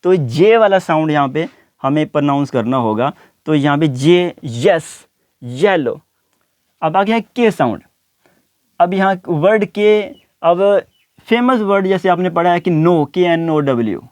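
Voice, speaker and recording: A man teaching English pronunciation, saying each example word slowly and repeating it several times. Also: on the high side, expressive, darkish tone, smooth, no room sound. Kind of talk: explaining pronunciation to learners.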